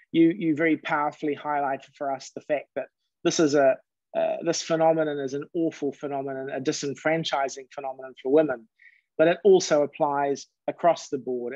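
A middle-aged man moderates a panel over a video call, courteous and measured as he sums up the points. His audio is dry and a little dull, like call audio through earbuds. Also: a little high, darkish tone, dry recording. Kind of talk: webinar moderation and summing up. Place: indoor home office.

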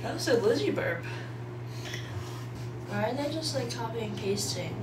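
A woman's voice: a little high, expressive, normal speed. A young woman co-hosting a casual livestream, chatty and filled with "like" as she tells stories. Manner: chatty storyteller, uses "like" a lot. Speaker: livestream co-host. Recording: echoey room, mic far off, loud noise.

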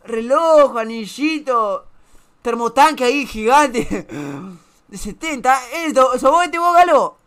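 Bright-voiced Rioplatense streamer man. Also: extremely high pitch, slow pace, clean tone. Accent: Rioplatense Spanish. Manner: swears a lot and laughs often. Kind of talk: casual reaction stream commentary.

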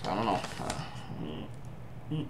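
A man's voice: low-pitched, sing-song. Hesitant young man, noisy home recording. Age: young adult. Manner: hesitant, halting, musing. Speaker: amateur food reviewer. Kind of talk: casual chat to camera. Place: indoor room at home.

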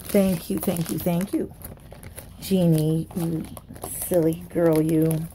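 A woman's voice: fairly low pitch, fairly even intonation, slow pace, dark tone, a little hiss or hum. A woman chatting casually to viewers as she unwraps craft mail, gushing and a little tired. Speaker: craft vlogger. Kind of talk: casual unboxing chat.

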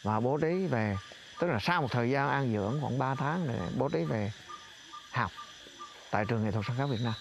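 An older man in an interview, recalling events in a halting way and repeating words as he goes. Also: medium pitch, expressive, creaky, noisy background. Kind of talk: reminiscing interview.

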